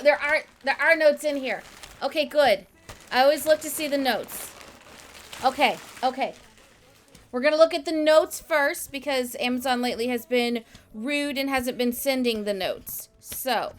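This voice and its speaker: A woman's voice: sits high, fairly bright tone. A woman streamer chatting casually with her viewers, with many fillers, and cooing at her dog. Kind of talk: casual livestream chat.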